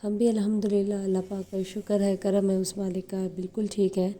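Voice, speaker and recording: A woman from Pakistan talking quickly and chattily to her viewers in a casual vlog, her voice a little hoarse from flu, with many fillers. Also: mid-range voice, completely flat delivery, dark tone. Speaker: vlogger.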